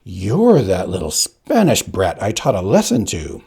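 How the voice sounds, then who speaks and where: A cruel storybook count, drawing out his sneering taunts with swooping pitch, as a male narrator puts him on. The voice is gravelly and husky, with a dark tone. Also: wildly swooping pitch, heavily acted. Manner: sneering, drawn-out mockery. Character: cruel mocking nobleman, a count.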